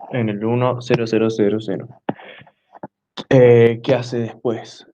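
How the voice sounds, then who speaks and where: A young man giving a hesitant student class presentation, filling pauses with "eh" while pointing things out on a diagram. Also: mid-range voice, warm tone. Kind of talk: class presentation explaining computer hardware. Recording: dull lo-fi recording.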